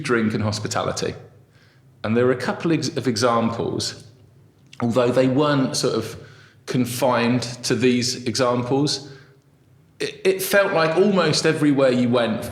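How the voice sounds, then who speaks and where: A man's voice: mid-range voice, reverberant. A man in his thirties, raised in England, chatting as a restaurant co-founder guest in a small room, self-deprecating and full of fillers. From Brazil, raised in England. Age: 30s. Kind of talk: casual interview chat. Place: small room in an office building.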